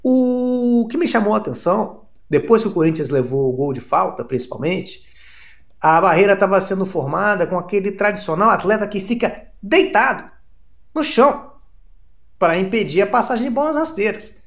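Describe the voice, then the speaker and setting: Deadpan comic sports host, mock-formal tone, lively pitch, gravelly edge. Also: male voice, moderate pace. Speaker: comedy show host.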